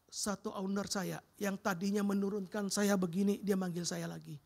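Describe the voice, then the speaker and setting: Man, middle-aged, preacher, church sermon with personal testimony, lively storyteller, husky voice. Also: high voice, moderate pace. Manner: lively storytelling, calls the audience "Bro". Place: church sanctuary.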